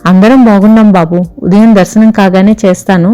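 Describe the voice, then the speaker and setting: A woman voicing a gentle, coaxing wife. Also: mid-range voice, fairly even intonation, a little fast, clean tone, lo-fi sound, soft background music, natural voice. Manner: soft, coaxing, kindly firm. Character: gentle middle-aged wife, soft-spoken and patient.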